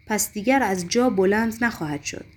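A woman's voice: medium pitch, lightly acted. A woman reading the lines of a brooding, commanding Roman governor in an audiobook, with a weary questioning tone. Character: stern Roman governor, middle-aged man, brooding.

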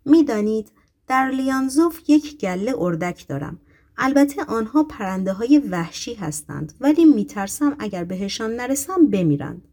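A woman's voice: a little high, very animated, dark tone, pitched above the performer's own voice. A woman reading an audiobook, voicing a wistful, worried red-bearded man who sighs as he talks. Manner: sighing, wistful.

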